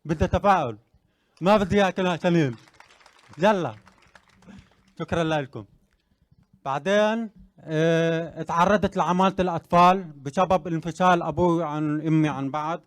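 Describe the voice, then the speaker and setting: A man's voice: a little high, moderate pace, long pauses. A young man tells his own story with earnest conviction, building to emphatic motivational declarations. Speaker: interviewee sharing his story. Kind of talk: personal testimony and motivational speech.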